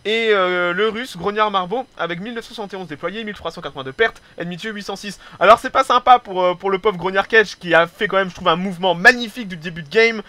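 An excitable man commentating a game replay at a rapid clip. His voice sits high and bright, and he swears casually as he goes. He stumbles and restarts his phrases often. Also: dry recording. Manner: excitable, swears casually, peppers speech with "hein"; hesitant restarts and repeated words.

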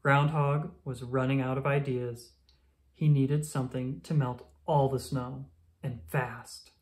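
An expressive storyteller reads a children's picture book aloud at a slow pace. The voice sits at a middle pitch and carries the narration in a storytelling style.

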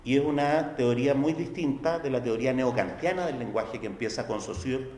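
A man with a Chilean accent giving a university philosophy lecture in a conversational way, checking understanding with tag questions and acting out quoted voices. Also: fairly quick. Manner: acts out quoted voices with sharp pitch jumps. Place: lecture hall. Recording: echoey hall, faint background noise.

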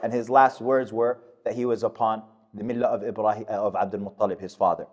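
A man in his thirties delivering a Friday sermon in a mosque, speaking at a podium microphone in a measured, emphatic way. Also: on the low side, steady tone, a little mellow, muffled recording. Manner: measured, emphatic delivery with fast recited Arabic verses. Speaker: khutbah speaker. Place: mosque prayer hall, indoors. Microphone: gooseneck podium mic.

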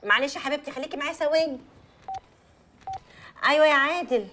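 Playing the loyal, sensible best friend of a young woman, this actress speaks with an Egyptian Arabic accent, by turns teasing, calming and appeasing. Her voice is high, pushed and bright, the pace quick, with slight background noise and a faint film score behind the drama.

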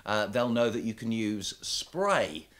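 A man's voice: fairly low pitch, lively intonation, slow, fairly bright tone. Man chatting through a magic demo. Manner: chatty, explains step by step while handling props. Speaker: co-host of a magic product review show. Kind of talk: casual review chat while demonstrating a trick.

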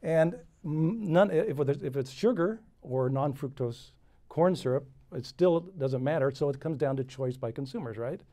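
A middle-aged man from the Midwest talks on a panel in a folksy, joking way, often repeating himself. His voice sits a bit high but sounds mellow and relaxed. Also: moderate pace. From American Midwest. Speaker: panelist, agricultural economist. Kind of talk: panel discussion. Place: lecture room with audience.

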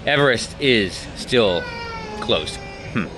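A man's voice: lowish voice, lively intonation, takes it slowly. A middle-aged man chatting casually to camera on a roller coaster outing at a theme park, musing aloud and correcting himself. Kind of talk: casual vlog chat. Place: outdoors at a busy theme park. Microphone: handheld action camera at arm's length. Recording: loud music behind outdoor speech.

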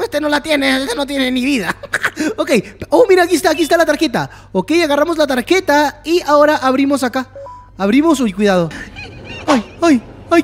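A gameplay channel host who gives excited commentary, exclaims and jokes at the game, and reads the on-screen text aloud. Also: high voice.

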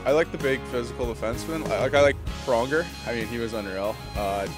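A man's voice: mid-range voice, fast, music in the background. A young man answering questions in a casual street interview outdoors, easygoing and laughing along, speaking into the host's handheld mic. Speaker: interview guest.

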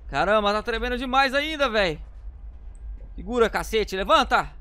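A man giving frantic let's-play commentary, yelling commands at the game. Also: high voice, expressive, normal speed, smooth, no echo. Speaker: gaming YouTuber.

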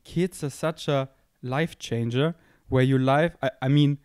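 Seated on a couch in an indoor room, a young man hosts his podcast with a casual, rambling monologue, teasing himself playfully as he thinks out loud into a close handheld mic. His medium-pitched voice is clean, a little mellow, and a little slow.

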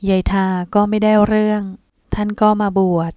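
A woman's voice: mid-range voice, monotone, normal speed, dark tone, clean tone, no room sound, muffled recording, lightly acted. A woman voicing a polite, worried mother figure. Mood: earnest. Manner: polite, earnest.

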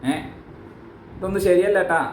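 High-voiced man doing mock-outraged banter. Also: fairly even intonation, moderate pace, darkish tone, echoey room, slight background noise, rough recording. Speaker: reaction video host. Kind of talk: casual comic commentary.

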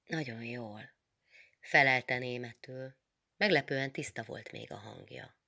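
Very low, gravelly woman reading a novel. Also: bright, forceful tone. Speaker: reader. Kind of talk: literary reading aloud.

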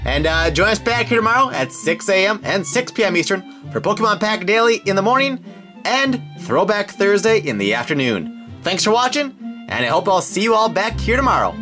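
A man hosting a card unboxing in casual commentary, with an animated, sing-song way of calling out items. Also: sits high, brisk, soft background music. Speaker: host of a trading card unboxing channel. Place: indoors at a tabletop set.

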